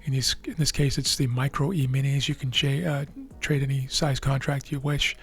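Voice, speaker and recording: Hosting a trading video, a man explains live charts in a measured way, full of fillers and restarts. His mid-range voice is raspy and tired, fairly even in intonation, as though he's losing it.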